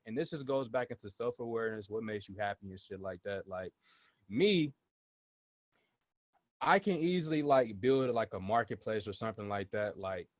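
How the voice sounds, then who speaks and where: A man's voice: fairly low pitch, dry recording. Twenties male host, blunt and profane, casual chat, muffled dry mic. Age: 20s. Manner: blunt, swears freely, emphatic repetitions. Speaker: podcast host. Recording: dull, dry lo-fi sound.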